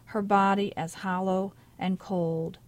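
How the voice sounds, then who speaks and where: A woman author giving a measured, quiet literary reading of her own short story in a radio studio. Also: mid-range voice, level tone.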